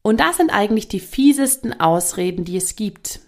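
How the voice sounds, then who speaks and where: A woman with a gravelly, creaky edge to her mid-pitched voice talks through a casual motivational monologue. She is a coach speaking directly to her listeners, relaxed and conversational. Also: moderate pace. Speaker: coach and podcaster.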